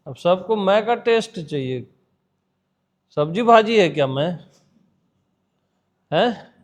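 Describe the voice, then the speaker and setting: Man teaching a spiritual gathering, slow and chatty, highish voice, keeps repeating words and quizzing folks. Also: animated. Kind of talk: informal satsang discourse.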